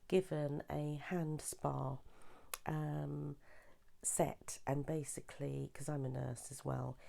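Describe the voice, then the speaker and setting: A woman with a hoarse voice from a sore throat, chatting her way through a craft tutorial with many restarts. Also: sits low, dark tone, slight background noise. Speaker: papercraft demonstrator.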